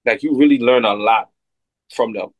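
A man, a soca artist chatting casually in an interview, relaxed and full of fillers. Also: medium pitch, moderate pace, dry recording, low-quality recording. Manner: relaxed, laid-back, many fillers like "like" and "you know what I mean".

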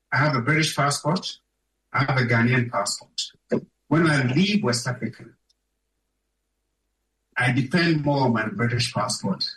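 This conference speaker's voice sits in the mid range with a bit of brightness as he gives an emphatic speech full of rhetorical questions for the crowd. Picked up from a distance, the audio carries a lot of room echo.

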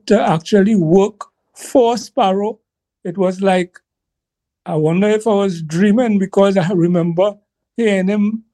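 Earnest Trinidadian man reminiscing slowly. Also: high-pitched, dark tone. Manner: slow, earnest storytelling. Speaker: guest musician. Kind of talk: reminiscing interview answer.

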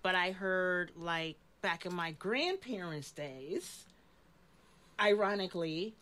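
A woman's voice: lowish voice, expressive, slow pace, a bit bright. Woman in her forties, thoughtful host. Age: 40s. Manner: thoughtful, with frequent fillers and restarts. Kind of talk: casual interview chat.

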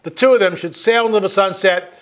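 Talking fairly quickly, this man in his 60s has a strikingly high-pitched voice. He gives listeners casual, sermon-style commentary in a folksy, conversational manner, pushing his points with emphasis and rhetorical questions.

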